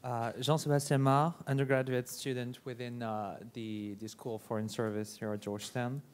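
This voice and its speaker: A young man, an undergraduate, asking a panel a question in measured, formal phrasing. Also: mid-range voice, flat delivery.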